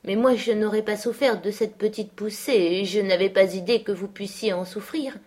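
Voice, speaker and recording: A woman reading aloud, voicing an earnest, quick-tempered teenage girl with an eager, indignant manner. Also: mid-range voice, fairly even intonation, a little mellow, lightly acted. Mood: pleading.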